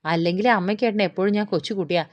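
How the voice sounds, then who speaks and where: A woman's voice: medium pitch, dry recording, muffled recording, lightly acted. A woman reading an indignant teenage girl. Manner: indignant, quick retorts. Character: outspoken teenage girl, sharp-tongued little sister.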